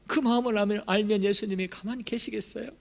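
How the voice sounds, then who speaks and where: A male pastor preaching a sermon in a church, impassioned and emphatic, swinging between soft and loud delivery. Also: sits high, steady tone, quick pace, gravelly. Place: church sanctuary. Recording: long reverb of a church hall.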